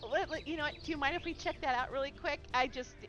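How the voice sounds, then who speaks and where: A woman's voice: sits high, quick pace, dull audio, music in the background. A woman chatting casually as co-host of a game park tour, giggly and exclaiming, close on a microphone. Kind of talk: casual gaming chat.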